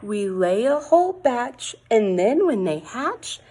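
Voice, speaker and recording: A female teacher reads a picture book aloud to small children in an expressive, sing-song way, drawing them in with questions and exclamations. Her voice sits on the higher side and she reads slowly.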